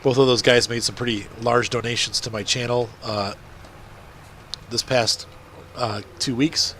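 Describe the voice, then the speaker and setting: A man's voice: medium pitch, fairly even intonation, unhurried, fairly bright tone, a little hiss or hum. A man with a congested, blocked-up nose giving casual, rambling gameplay commentary as a video host. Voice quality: congested, blocked nose, nasal stuffy sound.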